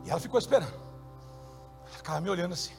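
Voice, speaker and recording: A male pastor preaching a sermon, moving between loud shouted passages and quiet, soft storytelling. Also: sits high, expressive, racing, gravelly, faint music behind.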